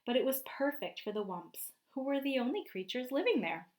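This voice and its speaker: A woman teacher reads a picture book aloud to young children, expressively and often asking them questions. Her voice sits high and her pace is brisk.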